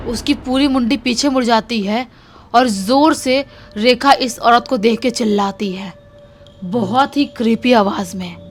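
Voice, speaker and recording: A woman narrating a horror story in a casual, conversational way, repeating lines for emphasis. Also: a little high.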